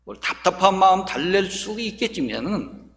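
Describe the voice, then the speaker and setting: A man's voice: high-pitched, sing-song, moderate pace, gravelly, a bit bright. A man preaching a sermon as pastor, speaking emphatically and posing rhetorical questions to the congregation. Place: church sanctuary. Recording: long reverb of a church hall.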